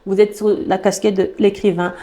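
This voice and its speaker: A woman's voice: medium pitch, level tone, normal speed, slight background noise. A woman hosting a talk show, often echoing her guests and adding short affirmations. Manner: warm affirmations, frequent laughs and echoing the guest.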